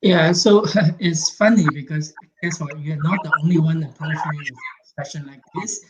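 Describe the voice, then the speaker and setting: A man's voice: fairly high pitch, normal speed, background noise. A man giving landlord advice over a video call, friendly and asking direct questions, his mic muffled. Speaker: real-estate advisor guest.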